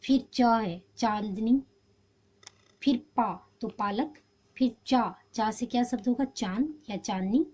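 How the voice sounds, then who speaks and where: Woman teacher, patient and mellow, walking students through a lesson. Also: fairly high pitch, takes it slowly. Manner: patient, explains step by step. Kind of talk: homework walkthrough lesson.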